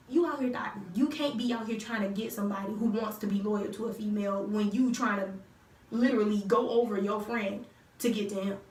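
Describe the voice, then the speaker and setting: An eighteen-year-old woman casually telling viewers her love story, chatty and full of fillers, acting out what others said. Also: a little high. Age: teens. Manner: chatty, lots of fillers, acts out quotes. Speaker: vlogger telling a couple's story. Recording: roomy echo, distant mic, faint noise.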